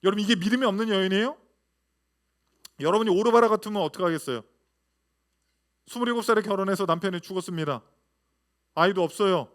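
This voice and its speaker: Male pastor, sermon, animated, rhetorical questions, high voice. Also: fast, long pauses.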